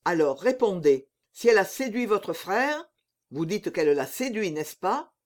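A man's voice: sits high, sing-song, a little slow. A man reading aloud, voicing a vengeful young man disguised as a monk, cold and unforgiving. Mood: stern.

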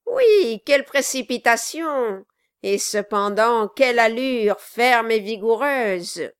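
A woman reading aloud, voicing a sly male dwarf villain who swings between mock courtesy and high-pitched cries. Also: expressive, takes it slowly, clean tone. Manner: shifting high and low, falsely courteous. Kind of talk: audiobook reading.

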